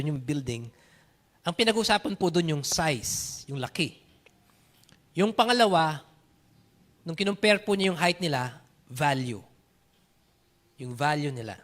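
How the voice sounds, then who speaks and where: A man with a Filipino accent preaching a sermon, animated, telling stories and switching between Tagalog and English. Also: fairly high pitch. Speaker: pastor.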